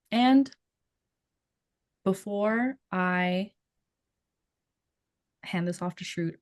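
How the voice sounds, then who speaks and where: A woman therapist with a Filipino accent, talking through ideas in a thoughtful, gentle way on a casual podcast and searching for her words. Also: lowish voice, dry recording, clean studio sound.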